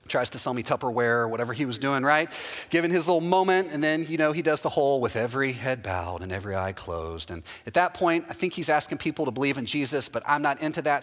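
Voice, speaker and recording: A man's voice: mid-range voice, fairly bright tone. A man from Texas preaching a sermon as pastor, telling a story and often asking the congregation "right?". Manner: storytelling with quoted voices, often asks the audience "right?". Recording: long hall reverb.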